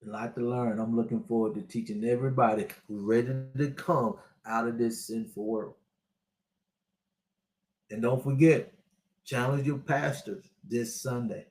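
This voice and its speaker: A man's voice: medium pitch, fairly even intonation, normal speed, darkish tone, roomy sound. A man in his sixties giving a preachy, repetitive motivational talk to his online viewers as a spiritual life coach. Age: 60s.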